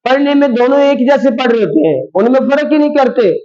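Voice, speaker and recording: A man teaching how to pronounce letters for reciting the Quran, repeating each sound slowly and clearly for learners to copy. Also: extremely high pitch, lively intonation, darkish tone. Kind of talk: lesson on letter pronunciation. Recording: dull lo-fi sound.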